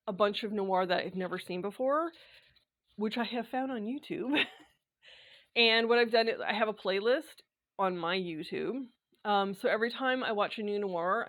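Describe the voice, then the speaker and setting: A woman chatting casually to her camera, rambling along with fillers and little laughs. Her voice sits at a middle pitch and sounds slightly hoarse from dry indoor air. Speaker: sewing and knitting vlogger.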